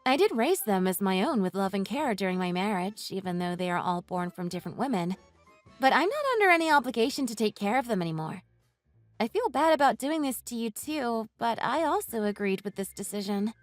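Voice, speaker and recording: A woman voicing an ex-wife who is sorry but firm, over soft music. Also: mid-range voice, sing-song, a little fast, lightly acted. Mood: apologetic. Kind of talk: read-aloud text-message story. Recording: dry voice with soft music underneath.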